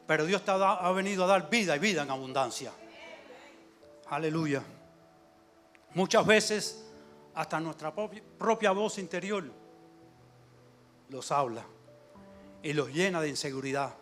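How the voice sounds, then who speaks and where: A man's voice: a little high, a little slow, long pauses. A man preaching a fervent sermon in a church, calling out amen and hallelujah often. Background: soft instrumental music.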